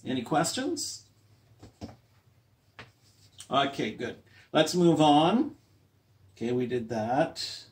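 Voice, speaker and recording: A man speaking slowly and patiently as a teacher, walking language learners through a listening exercise. He pauses to check whether anyone has questions. His voice sits at an ordinary pitch and comes from some distance away from the mic. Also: sing-song, darkish tone. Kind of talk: classroom lesson to language learners.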